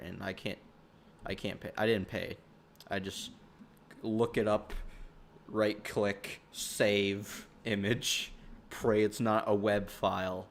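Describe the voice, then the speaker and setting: A man with a fairly low voice rambles through casual behind-the-scenes commentary on his own stream video. He trips over his words and leans on fillers, with a faint hum of background noise. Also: vocal fry.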